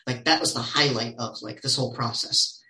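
Bright animated man in an echoey room. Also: medium pitch, a little fast. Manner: animated, quotes others in lively voices. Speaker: podcast guest, sportscaster. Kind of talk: casual storytelling.

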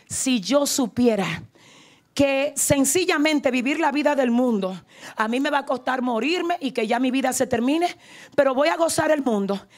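A woman pastor, preaching a sermon in a church and moving from soft pleading to shouting. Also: high-pitched. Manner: passionate, shifts between soft pleading and shouting. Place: church sanctuary.

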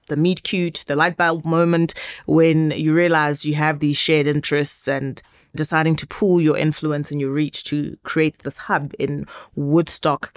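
A woman's voice: deep voice, no echo. Podcast host woman with a dry, close sound. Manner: long, winding questions with frequent affirmations. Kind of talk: podcast interview.

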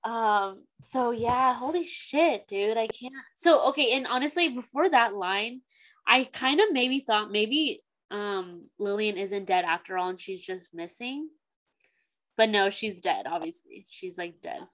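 A woman's voice: on the high side, measured pace, fairly bright tone. A woman co-hosting a casual book podcast, talking bluntly with lots of slang and emphatic asides.

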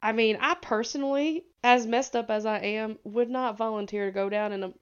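A woman's voice: a little high, steady tone, normal speed, clear, resonant tone, highs cut off. Young Southern woman, giggly rambling storyteller. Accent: Southern American. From American South. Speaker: podcast co-host. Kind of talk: casual chat.

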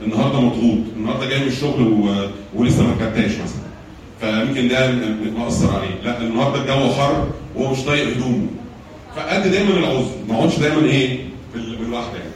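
A man with an Egyptian Arabic accent gives a church lecture on handling anger, rattling through his points at high speed. He keeps putting rhetorical questions to his listeners and repeating key phrases. He is recorded from far off in a very echoey room. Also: rapid-fire. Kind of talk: talk on anger management with slides.

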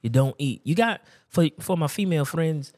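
A man's voice: on the high side, animated, normal speed, a little mellow, no room sound. Man, preacher, conversational sermon, emphatic repetition, dry close sound. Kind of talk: sermon with storytelling.

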